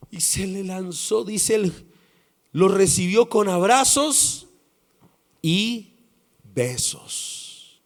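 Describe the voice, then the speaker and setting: A Colombian-accented pastor preaching a sermon in a high, unhurried voice. He is dramatic, swinging between loud, emphatic stretches and near-hushed lines. Each phrase comes out slowly and deliberately.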